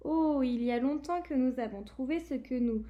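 A woman reading the part of an eager, talkative schoolboy wizard with a lively, emphatic voice. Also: sits high, normal speed, highs cut off, lightly acted. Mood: boyish.

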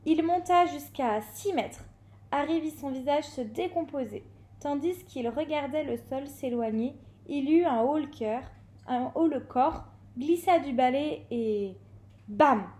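A woman with a high voice reads a children's novel aloud, lively and expressive. Now and then she trips over a word or a name and goes back to correct herself. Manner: expressive, with occasional slips and self-corrections. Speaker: reader.

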